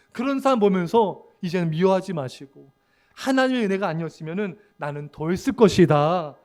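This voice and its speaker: High-voiced emphatic male pastor preaching. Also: darkish tone. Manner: emphatic preaching, often calling out to the congregation, acting out quoted lines. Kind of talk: sermon. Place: church sanctuary.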